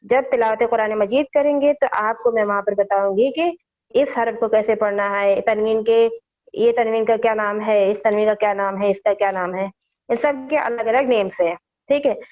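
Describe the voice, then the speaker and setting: A woman's voice: medium pitch, normal speed, darkish tone. A woman teaching young children how to read the Quran, patiently repeating each point and quizzing them, heard over a dull, lo-fi online call.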